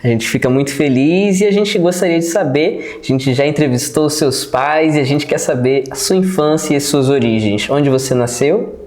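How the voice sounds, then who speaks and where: A man's voice: a little high, moderate pace, few pauses, a little mellow. A man hosting an interview, asking questions in a friendly, formal way. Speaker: interviewer, host. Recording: roomy echo.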